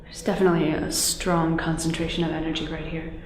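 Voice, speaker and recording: A woman playing an uneasy psychic who senses spirits, speaking haltingly in found-footage horror film style. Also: low-pitched, flat delivery, close to an everyday voice. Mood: intent. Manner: halting, trailing pauses. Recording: roomy echo, music behind.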